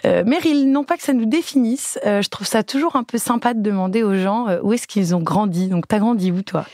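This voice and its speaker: A woman hosts a podcast, asking friendly, curious questions at an easy pace. Her pitch sits in a middling range. The sound is dry and close-miked. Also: fairly quick, darkish tone, no room sound. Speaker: podcast host. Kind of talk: casual interview questions.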